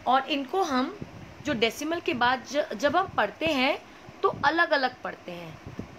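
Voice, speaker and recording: Woman, maths teacher, high voice, slow clear explaining, faint background noise. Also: animated, fairly bright tone, low-quality recording. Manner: asks questions and answers them herself; slow, clear explaining with many checks like "okay?". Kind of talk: classroom lesson.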